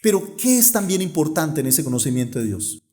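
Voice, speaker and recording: Pastor guy preaching, kinda high voice, goes soft and low then loud and pushy. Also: sing-song, fairly quick. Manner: swings from soft, low intimate lines to raised emphatic ones. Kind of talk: sermon.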